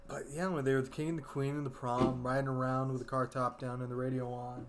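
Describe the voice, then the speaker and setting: A laid-back man hosting a casual podcast, sounding tired. He talks at an ordinary middle pitch, swears freely and hums bits of songs. A faint hiss sits under the voice. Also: level tone, fast. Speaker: podcast host. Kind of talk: casual chat.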